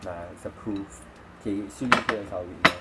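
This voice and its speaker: A man's voice: sits low, brisk. A young man, chatting casually to the camera as a vlogger. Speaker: food challenge vlogger. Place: indoor living room at table. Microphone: device camera on table, arm's length. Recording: noisy room, clattering dishes.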